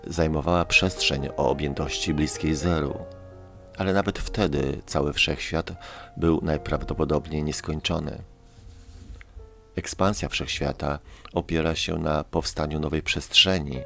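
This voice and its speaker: A man with a very deep, low voice reads a scripted science narration. His delivery is calm and measured, laying out each point steadily. Music plays clearly underneath the voice-over. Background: background music.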